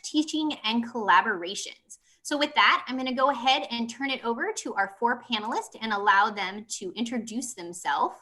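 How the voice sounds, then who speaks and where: Bright-voiced woman moderating. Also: fairly high pitch. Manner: brisk, with frequent ums. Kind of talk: hosting a video panel. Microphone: video call.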